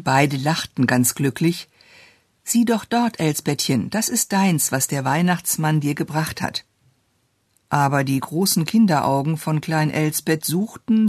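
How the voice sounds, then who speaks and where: Expressive storyteller reading a children's tale. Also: medium pitch, slightly rough, no room sound, clean studio sound. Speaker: narrator.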